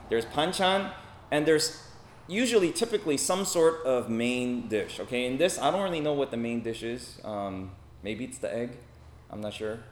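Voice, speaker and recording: Addressing a group, a Los Angeles man in his forties speaks in a medium pitch with an American accent, mixing in personal stories in a relaxed, conversational way. He keeps tossing in quick check-ins such as "right?" and "okay?", heard against faint background noise and a roomy echo.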